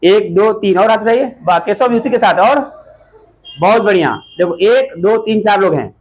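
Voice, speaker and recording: A man's voice: high-pitched, expressive, normal speed, darkish tone, poor audio. Man teaching a class, quizzing pupils. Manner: asks the class short repeated questions.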